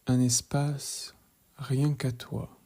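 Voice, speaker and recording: A man leading a guided relaxation meditation in a calm, measured voice, soft and hushed, often slipping into a whisper. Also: medium pitch. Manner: calm, measured, gently instructive.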